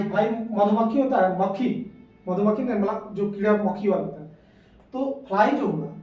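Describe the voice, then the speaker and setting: High-voiced man teaching grammar in an echoey room. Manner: patient, repeats points and asks the class questions. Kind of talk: classroom lesson. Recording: echoey room, voice far from the mic.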